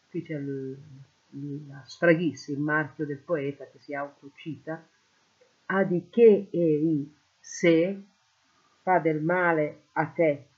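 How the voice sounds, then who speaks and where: A man teaching a lesson, slowly translating Greek verse word by word into Italian. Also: a little high. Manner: slow, deliberate, translating word by word. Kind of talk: lecture on Greek poetry. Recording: phone-like lo-fi audio.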